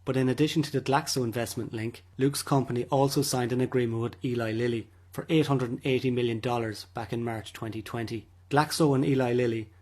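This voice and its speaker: A man narrates a scripted commentary in a medium-pitched voice. The tone has a husky edge, and he reads as a voice-over. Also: fairly even intonation, brisk, hardly any pauses, darkish tone.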